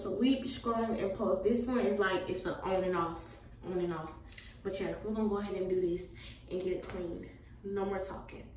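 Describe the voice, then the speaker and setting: A woman's voice: mid-range voice, a little mellow, far from the mic, slight background noise. Tired young woman chatting in an echoey bathroom. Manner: laid-back, chatty, Southern US slang. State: tired and a bit out of breath. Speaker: vlogger. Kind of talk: casual chat to camera.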